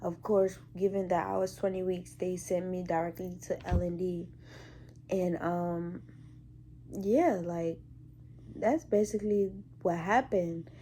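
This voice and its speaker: A woman's voice: on the low side, fairly even intonation, unhurried, warm tone, slight background noise. A young woman who works in hospital care, telling a story in a casual, colloquial vlog style.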